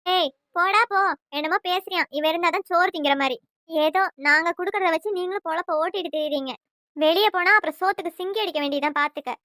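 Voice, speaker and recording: A woman voicing a scolding, sharp-tongued old mother-in-law in a family cartoon, nagging and quarrelsome. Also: very high voice, fast talker, no room sound, studio quality. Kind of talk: cartoon voice acting.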